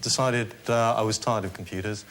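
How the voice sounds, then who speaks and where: A man's voice: fairly low pitch, fairly even intonation, fairly quick, very noisy. Laid-back young man. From London. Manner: short, laid-back answers. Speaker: game show contestant.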